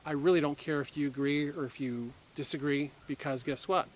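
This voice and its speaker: Emphatic Puerto Rican-born man, higher voice. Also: fairly even intonation, fairly quick, a little hiss or hum. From Puerto Rico. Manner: emphatic, insistent, repeats points for force. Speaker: firearms channel host, former police officer. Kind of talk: direct-to-camera opinion monologue.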